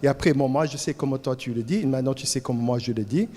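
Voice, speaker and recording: A man's voice: mid-range voice, quick pace, mellow, in a large hall. A man with a Louisiana French accent speaking as a colloquium panelist, thoughtful and searching for his words as he talks to an audience. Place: conference hall.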